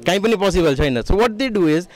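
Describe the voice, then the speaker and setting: Guy in his 30s at an expo stall, talks super fast into a handheld mic, flips between english and nepali. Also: high-pitched, lively intonation, darkish tone. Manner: fast, mixes English and Nepali, gestures with both hands. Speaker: sponsor, real estate firm head. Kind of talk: interview at an expo. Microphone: handheld interviewer's mic.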